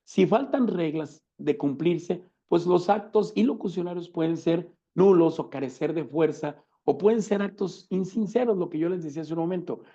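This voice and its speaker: A man's voice: on the high side, moderate pace, few pauses, dark tone. A man lecturing on law, explaining step by step, asking rhetorical questions and repeating key words. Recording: dull lo-fi recording.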